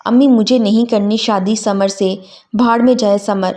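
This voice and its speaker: Woman reader as a defiant, sharp-tongued young woman in a storybook reading. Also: mid-range voice, steady tone, close to an everyday voice.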